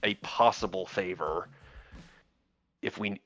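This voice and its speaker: A man talking through plans as a player in a tabletop role-playing game, in a halting, deliberate way. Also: deep voice, a bit bright. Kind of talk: in-character discussion at a tabletop game. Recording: dull sound with music behind.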